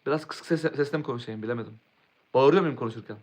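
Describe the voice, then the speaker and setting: A man's voice: mid-range voice, racing, a little mellow. A young man chatting casually on a live stream, rambling, restarting words and answering viewers' chat.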